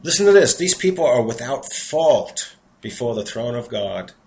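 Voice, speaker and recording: Very animated yet at normal speed, a man with a New York accent preaches, reading scripture and breaking into earnest, conversational asides between verses. His medium-pitched voice is creaky and darkish, and the audio is poor.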